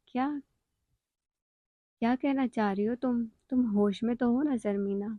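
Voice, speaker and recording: A woman voicing a worried, gentle middle-aged mother who coaxes her daughter slowly. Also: on the high side, dry recording, narrow, tinny audio, lightly acted. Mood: coaxing.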